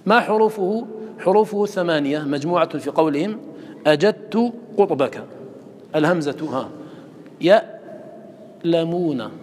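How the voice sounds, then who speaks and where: A man leads a recitation lesson with a fairly high voice, pausing to quiz his students and drawing out each letter sound. His voice rings through a big hall with a long echo, over a faint background hiss. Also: darkish tone. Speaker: teacher of Quran recitation. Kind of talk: classroom lesson.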